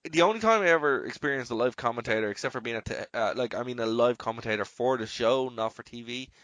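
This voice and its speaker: A man's voice: mid-range voice, quick pace, fairly bright tone, no echo. An Irish man hosting a podcast, chatting casually and rambling with lots of "you know". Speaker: podcast host.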